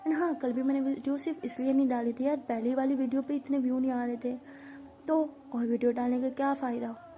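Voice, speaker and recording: Woman chatting through a love story, super mellow dark tone, kinda high pitched, teases her viewers. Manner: chatty, mixes English words into Hindi, drops into hushed asides; scolds viewers playfully for not liking her videos. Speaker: storytelling vlogger. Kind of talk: casual first-person storytime narration.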